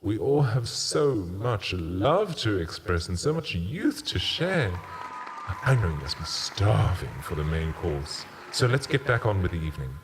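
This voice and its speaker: A man voicing a towering, sultry woman who hosts a decadent party, in a breathy, slow and drawn-out way in an audiobook story. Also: low voice, sing-song, background noise, full character voice. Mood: seductive. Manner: slow, drawn-out purring delivery. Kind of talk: audiobook narration.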